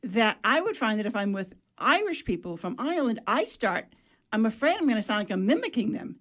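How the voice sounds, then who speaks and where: A woman's voice: fairly high pitch, sing-song, a bit bright. A woman from Maine with a New England accent, hosting a casual radio talk show and chatting with guests, laughing easily. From Maine, USA. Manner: chatty, laughs often, quick asides.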